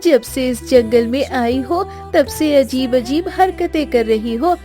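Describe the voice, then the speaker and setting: Cheeky teasing younger sister, high. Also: female voice, takes it slowly, warm tone, faint music behind.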